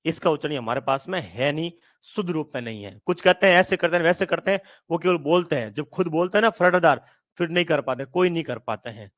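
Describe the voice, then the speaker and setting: A male teacher giving a phonetics lesson, asking questions and answering them himself, repeating sounds slowly. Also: fairly high pitch, animated, fairly bright tone. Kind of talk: Hindi grammar lesson.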